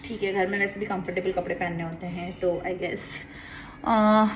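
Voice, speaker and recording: A young woman, a mother, chatting casually in a home vlog and coaxing her toddler in a soft sing-song way. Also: lowish voice, fairly even intonation, normal speed, slight background noise. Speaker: mother and vlogger. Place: at home indoors.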